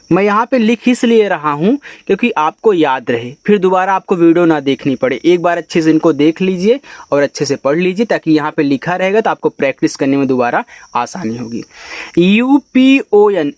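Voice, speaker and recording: Man, English teacher, high voice, dry close sound, spells words out then breaks down their sounds. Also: no echo. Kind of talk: spoken lesson on reading English words.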